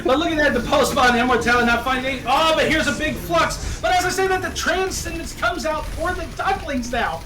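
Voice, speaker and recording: A man doing play-by-play esports commentary, excitable and laughing at his own slips of the tongue. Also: extremely high pitch. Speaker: esports caster. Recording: distant mic with background noise.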